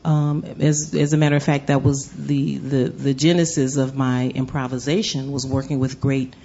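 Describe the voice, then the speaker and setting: A woman's voice: very deep voice, little pitch movement, normal speed, warm tone, slightly rough. A woman from Chicago, a jazz vocalist, telling stories in a live radio interview at a venue. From Chicago, United States. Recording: slightly dull lo-fi sound.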